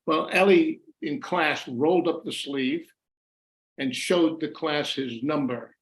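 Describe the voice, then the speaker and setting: An older man, an author and former journalist, is a guest on a video call from a room at home. His voice sits on the high side and he speaks slowly, answering thoughtfully but with many restarts and repeated words. The recording is rough.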